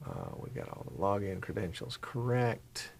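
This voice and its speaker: Middle-aged male stream host with a low, gravelly voice, rambling and talking to himself in a small studio. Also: sing-song, moderate pace, a little hiss or hum. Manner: rambling, mutters to himself while working the software. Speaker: live-stream show host. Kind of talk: casual live-stream chat.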